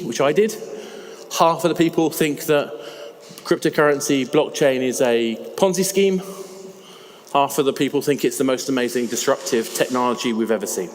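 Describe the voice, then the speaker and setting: A man with a slightly raspy voice, giving a conversational, emphatic conference talk. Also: mid-range voice, a little hiss or hum. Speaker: conference speaker. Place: large conference hall. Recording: reverberant hall with faint ambience.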